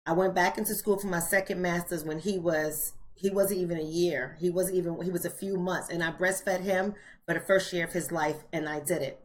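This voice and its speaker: Speaking quickly in a fairly low, steady voice, this roughly forty-year-old American woman runs a laid-back livestream for her online book club. She talks straight to viewers in everyday language and repeats phrases to stress them, with slight background noise.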